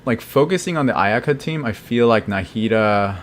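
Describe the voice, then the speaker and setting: A man's voice: fairly low pitch, expressive, moderate pace. A man streaming a game, thinking aloud casually and answering chat questions. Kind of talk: live gameplay commentary.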